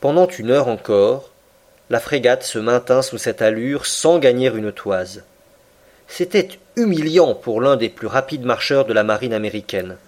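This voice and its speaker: A man narrating an audiobook in a steady, measured reading voice. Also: mid-range voice. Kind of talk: scripted narration of a classic novel.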